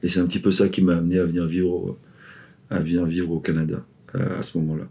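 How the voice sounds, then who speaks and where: A man in his forties, brought up in the Ivory Coast and Paris, speaks fast in a low, level, creaky voice with a dark tone. As a guest in a casual interview, this swim coach tells his story in a rambling way, full of fillers and restarts.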